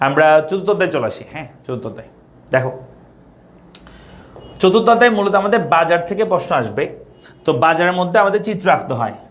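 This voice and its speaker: A man's voice: a little high, sing-song, quick pace, long pauses, fairly bright tone. A young man from Bangladesh teaching an economics class online, repeating points and asking students questions. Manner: repetitive, asks students questions.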